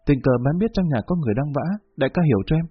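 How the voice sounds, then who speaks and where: A man's voice: mid-range voice, quick pace, husky, dry recording, lightly acted. A man voicing a timid young man who talks in a flustered, deferential way, on a dull lo-fi recording. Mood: pleading. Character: timid young man, humble before his boss.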